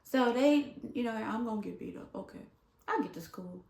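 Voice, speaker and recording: A woman vlogger telling a story from her school days in a casual, animated way, jumping high in pitch when she quotes people. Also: normal speed, creaky, reverberant.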